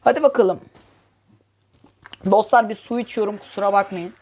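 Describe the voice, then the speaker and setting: With a husky, mid-range voice at normal speed, a woman runs her gaming channel with excitable, joking play-by-play. She teases the rival players and curses at them.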